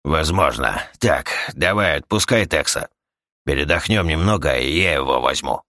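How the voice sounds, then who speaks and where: Man putting on a very deep, blunt prospector. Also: lively intonation, normal speed, pushed and bright, no room sound, studio quality, heavily acted. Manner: terse and blunt. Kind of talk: audiobook character voice.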